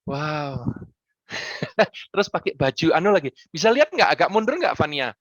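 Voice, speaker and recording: A man answering students' questions on a video call, talking in a playful, animated way and dropping in English phrases. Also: on the high side, normal speed, dry recording, muffled recording. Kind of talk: lively Q&A on a school video call.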